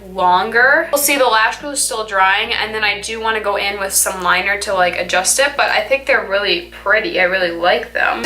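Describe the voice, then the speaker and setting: A woman's voice: medium pitch, sharp tone. A teenage girl chatting casually through a makeup routine as a beauty vlogger, saying "like" often and trailing off mid-thought. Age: teens. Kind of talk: casual makeup tutorial chat. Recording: echoey room with faint music.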